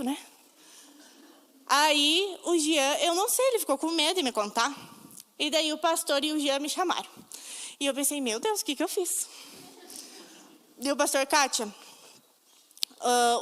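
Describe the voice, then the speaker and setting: A woman's voice: high voice, a bit bright, in a large hall. A woman preaching a fervent sermon, acting out the people in her stories. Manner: fervent, acts out dialogue.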